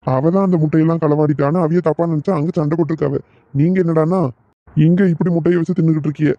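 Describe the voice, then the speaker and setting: A man's voice: on the high side, steady tone, fast talker, no room sound, natural voice. A man doing an earnest young village husband. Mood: firm. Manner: earnest, protective. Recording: dull lo-fi recording.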